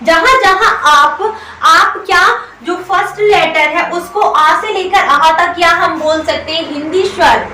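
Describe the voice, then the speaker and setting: A woman's voice: very high voice, takes it slowly, few pauses, bright, forceful tone, slight background noise. A woman teaching a grammar lesson to her students. She explains patiently, asks her own questions and answers them, and says "theek hai" after each point. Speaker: English teacher. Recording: roomy echo from a distant mic.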